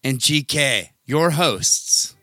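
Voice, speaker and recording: A man in his sixties introducing a radio show and telling rock-fan stories with excitable, drawn-out exclamations. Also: fairly high pitch, no room sound, faint music behind. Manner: excitable, drawn-out "oh yeah" catchphrases. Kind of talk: enthusiastic radio intro and storytelling.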